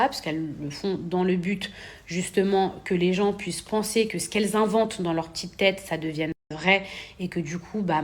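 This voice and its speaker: Indignant young woman venting to her followers. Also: fairly low pitch. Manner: indignant, emphatic, repeating words for stress; rising to heated outbursts. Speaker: influencer addressing her followers. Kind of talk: casual monologue to camera.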